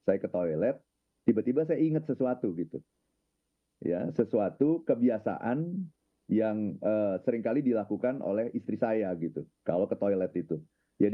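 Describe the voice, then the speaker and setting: A man calmly telling a personal story, ending phrases with filler tags, in an unhurried, reflective way. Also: on the low side. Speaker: guest speaker on his own channel. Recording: narrow phone-like sound.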